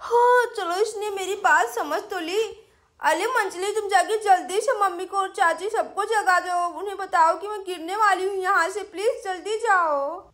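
A frightened little girl calls out for help in a whiny, tearful voice, as a woman puts her on. She pleads over and over with a very high pitch. It comes from a children's doll story. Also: unhurried, fairly bright tone. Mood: pleading. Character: small frightened girl stuck in a tree.

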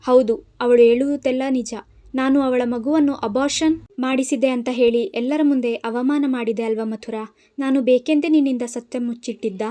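A woman's voice: sits high, steady tone, normal speed, warm tone, close to an everyday voice. A woman voicing a stern, angry young husband who scolds harshly in a storybook reading. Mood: coldly accusing.

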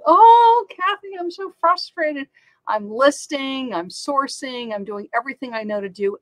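A woman's voice: medium pitch, fairly bright tone, no echo, low-quality recording. A middle-aged woman hosting a channel on online selling, talking casually and upbeat with many fillers and repeated words. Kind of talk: casual talk to camera.

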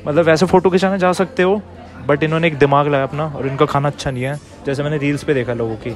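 A young adult man vlogs a cafe review on a phone held at arm's length, speaking quickly in a brash, mocking, slang-heavy way. His voice is a little high with a steady tone, and loud music and crowd noise fill the busy indoor cafe.

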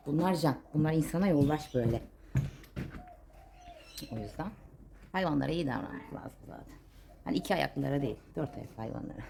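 Sharp-tongued woman vlogging outdoors. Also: low-pitched, gravelly, noisy background. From Turkey. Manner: sharp-tongued and indignant, then chatty. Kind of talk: casual vlog chat while gardening. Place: home garden outdoors.

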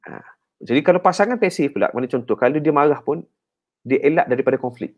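On a radio talk show, a counselor guest with a Malaysian accent talks fast in a slightly high voice. He explains animatedly, like a teacher, peppering his speech with "ha" and "kan." The recording from the radio studio is dull.

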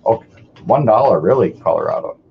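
Deep gravelly male coin auctioneer. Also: lively intonation, a little fast. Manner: chatty, greets bidders by name. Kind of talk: live-streamed auction calling. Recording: dull audio with faint hiss.

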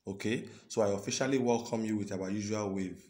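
Holding his phone at arm's length in a small curtained room, a Nigerian man in his thirties with a Yoruba-tinged accent chats earnestly in a casual selfie vlog. His voice is fairly low and dark, he draws out words, and he keeps checking in with "okay?"

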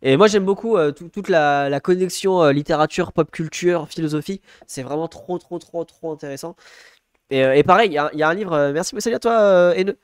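Young male streamer, slightly high and smooth voice, casual rambling chat, dry close mic. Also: a little fast, no echo. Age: young adult. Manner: rambling, many fillers and self-corrections, laughs often. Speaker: livestreamer and university student.

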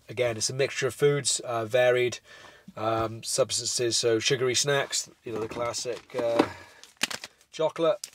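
A young man vlogging about hiking, talking to camera from a parked vehicle in a relaxed, explanatory way with many fillers. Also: medium pitch. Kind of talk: casual talk to camera.

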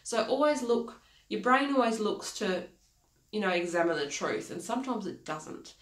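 A life coach in her thirties, whose mid-range voice is nasal and congested, speaks expressively at a normal speed in an earnest motivational talk. Repeating key phrases, she gestures with her hands. The recording comes from a small home office indoors and has an echoey room sound.

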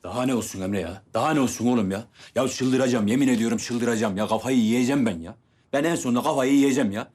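A man's voice: medium pitch, fast, darkish tone, close to an everyday voice. A man in his sixties playing a despairing, exasperated older husband in a TV series, full of sighs and exclamations, with faint music behind. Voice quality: sighing, exclaiming. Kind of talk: TV series acting.

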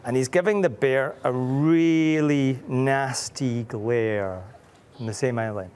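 A man's voice: mid-range voice, slow pace, a little mellow, clean tone. A middle-aged man, an author reading his picture book aloud to children, playful and full of questions for them.

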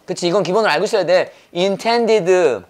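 A man teaching English grammar in a brisk lecture, drilling points over and over and firing rhetorical questions at his students. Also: sits high. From South Korea. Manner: quizzing with rapid rhetorical questions. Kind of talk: classroom lecture.

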